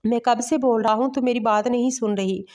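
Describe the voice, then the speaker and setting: A woman's voice: fairly high pitch, fairly even intonation, fairly quick, darkish tone, natural voice. A woman voicing a grown young man who acts childlike, stubborn and sulky. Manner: sulky, pleading.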